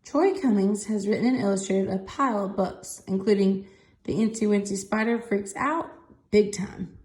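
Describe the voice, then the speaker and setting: A woman with a mid-range, slightly mellow voice reads a children's picture book at a moderate pace with fairly even intonation. She adds simple, expressive explanations of the pictures as she goes.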